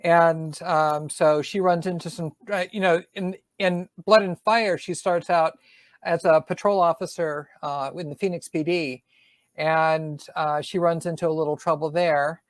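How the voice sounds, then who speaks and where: A woman's voice: low-pitched, steady tone, unhurried, dry recording. Woman author, faint Southern twang. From Georgia, US. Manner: thoughtful, many fillers and restarts. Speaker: author guest. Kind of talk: casual interview chat.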